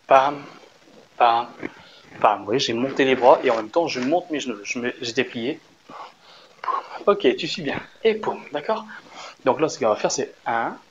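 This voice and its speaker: An upbeat male dance teacher walks his viewers through a routine step by step. He keeps checking in with quick little questions and counts the beats aloud. The recording sounds slightly dull, with a faint hum of room noise behind him. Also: mid-range voice. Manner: encouraging, checks in often with short questions. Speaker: dance instructor. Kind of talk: casual dance tutorial.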